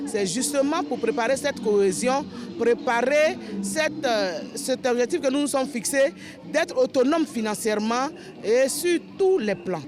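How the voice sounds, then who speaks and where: A woman speaking slowly and deliberately in a news interview about her association. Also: fairly high pitch. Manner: slow, deliberate. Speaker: association member. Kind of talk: interview soundbite.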